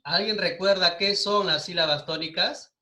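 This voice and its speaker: A man's voice: high-pitched, normal speed, pushed and bright. A man with a Peruvian Spanish accent teaching a primary school class online, patiently asking questions and repeating the answers. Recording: echoey room.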